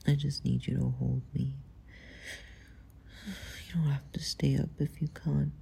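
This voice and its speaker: Young woman, ASMR roleplay, close-mic, soft and halting whispers, very low and dark, slow. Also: steady tone, gravelly, husky. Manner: soft, hesitant, often whispered.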